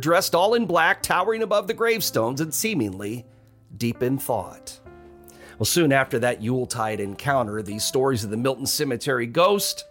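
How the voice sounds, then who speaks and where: A man's voice: mid-range voice, a bit bright. A man hosting a podcast, narrating a ghost story in a dramatic style with wry, chuckling asides.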